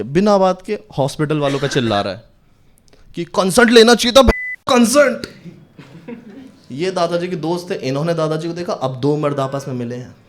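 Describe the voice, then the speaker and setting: A male stand-up comedian telling a story in front of an audience, acting out every line of dialogue and landing punchlines loud. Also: fairly high pitch. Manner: acts out dialogue in quick voices, sudden loud punchlines. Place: comedy stage before a live audience.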